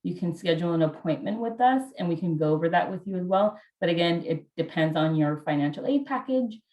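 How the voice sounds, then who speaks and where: A woman's voice: on the low side, animated, a little fast, a little mellow. Woman, financial aid officer, helpful and patient, room echo on a video call. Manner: helpful, repeats key steps. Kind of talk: casual video-call Q&A answers.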